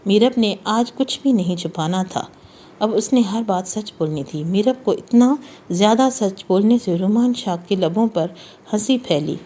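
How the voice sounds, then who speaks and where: A woman narrating a romance novel as an audiobook in a steady storytelling read. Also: mid-range voice, slight background noise.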